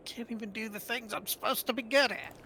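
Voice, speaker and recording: A man's voice: very high voice, steady tone, a little fast, pushed and bright. A man chatting casually as a player in a tabletop game, over noticeable background noise.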